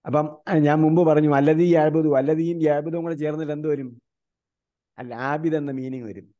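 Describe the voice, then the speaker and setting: Man from India teaching grammar online, mellow voice, keeps quizzing students and spells terms out slowly. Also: on the high side, fairly even intonation. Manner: quizzes students with repeated questions.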